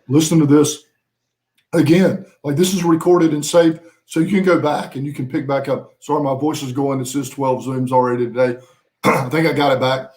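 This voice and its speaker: A man's voice: medium pitch, darkish tone. A man, a business coach, giving upbeat, earnest motivational talk on a video call and stretching out key words for emphasis.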